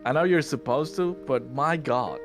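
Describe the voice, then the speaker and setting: This podcast host and streamer has a medium-pitched voice and talks at a normal speed. He keeps a casual voice-call chat lively, swearing freely and doing voices, with lofi music behind him.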